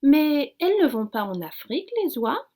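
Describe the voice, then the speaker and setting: Give me a bubbly young female frog, as a woman plays her, high and lively. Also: moderate pace. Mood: puzzled.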